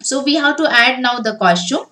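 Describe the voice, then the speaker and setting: A high-pitched woman with a sharp tone speaks at a normal pace in a rough recording. Teaching a beginners' coding lesson over a screen capture, she explains each step in sequence and tends to lead with "now."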